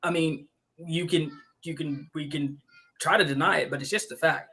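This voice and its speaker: A man co-hosting a live podcast, ranting in an animated way with frequent laughter and many restarts. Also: fairly high pitch, normal speed, poor audio. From United States. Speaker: podcast co-host.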